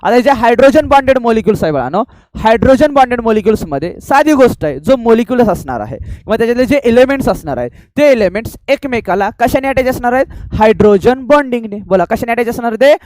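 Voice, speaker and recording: A man's voice: extremely high pitch, animated, no echo. A male chemistry teacher with a Marathi accent, lecturing a classroom and making students repeat answers aloud, mixing in English terms. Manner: call-and-response drilling, urging students to answer loudly; mixes English terms into fast classroom talk.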